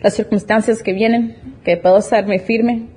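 Earnest young woman with a husky, mellow voice. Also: medium pitch, fairly even intonation, measured pace. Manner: emotional, earnest, with frequent restarts. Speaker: church testimony speaker. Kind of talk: personal faith testimony.

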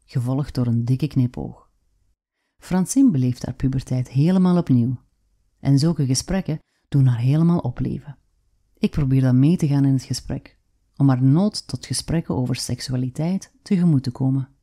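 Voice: medium pitch, normal speed, dark tone. A narrator with a Flemish accent reading a short personal story from a script.

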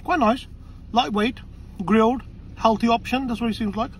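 A man's voice: very high voice, normal speed, slight background noise. A man reviewing food in a casual, chatty vlog, talking with his mouth partly full. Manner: chatty, enthusiastic tasting commentary.

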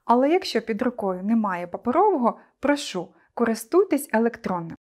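A woman teacher presenting a scripted online lesson, speaking clearly and deliberately to her pupils. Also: a little high, big pitch swings, darkish tone.

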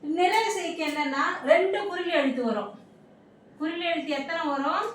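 A high-pitched woman teaches a grammar lesson, repeating each point and quizzing her listeners before answering. Her voice rings through a very echoey room, picked up from a distance with a faint hum of ambience behind. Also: normal speed. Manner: repetitive, quizzing questions then answering them. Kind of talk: classroom lesson. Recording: echoey room, mic far off.

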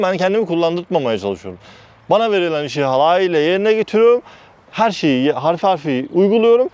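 Man, from Turkey, casual vlog storytelling, lively swooping intonation, blunt, heated. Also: high-pitched, no echo. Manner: heated, animated retelling with constant "dedim" between quoted phrases; blunt, uses mild swearing. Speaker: vlogger recounting work experiences.

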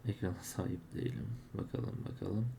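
Against a noisy background, a man gives live commentary while opening cases, grumbling and exclaiming whenever a loss comes up. He talks fairly quickly in a low, creaky voice with fairly even intonation.

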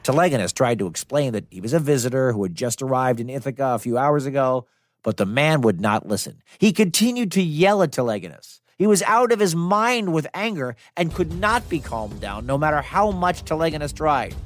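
Music runs behind a dry studio recording of a man narrating a scripted myth for kids. Medium-pitched and fairly quick, he uses big pitch swings, keeping his delivery dramatic yet conversational as a storyteller and podcast host.

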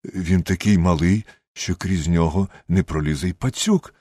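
A man with a husky voice reading the part of Dr. Watson, an earnest, eager middle-aged companion who exclaims and asks astonished questions. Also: low-pitched, normal speed, warm tone, dry recording, clean studio sound. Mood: puzzled. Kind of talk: audiobook character reading.

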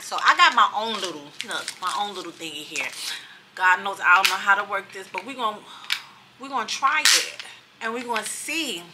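A woman's voice: medium pitch, background noise. A middle-aged woman, chatting and rambling in a casual vlog from a hotel room. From New York. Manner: chatty, rambling, animated asides. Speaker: vlogger.

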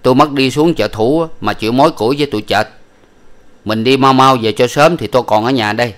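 A man reading a storybook aloud, voicing a coarse, bossy rustic stepfather who gives loud, curt orders. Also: medium pitch, fairly quick, pitched above the performer's own voice, lightly acted.

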